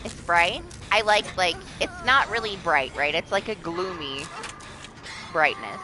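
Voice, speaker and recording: A young woman with a lowish voice streams a game live, speaking a little slowly but with animation. Her commentary is casual and relaxed, full of laughter and free swearing, with background noise in the recording.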